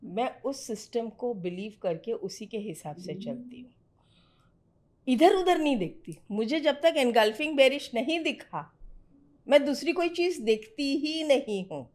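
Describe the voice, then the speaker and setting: Woman, middle-aged, trading mentor, firm and direct, slightly high pitch, casual teaching chat. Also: animated, a little slow, a little mellow. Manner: firm, direct, mixes English phrases into Hindi. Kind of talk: conversational teaching.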